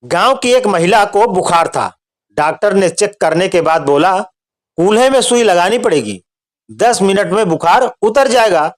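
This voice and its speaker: A man reading out a string of short jokes in a steady storytelling voice. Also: high-pitched, moderate pace.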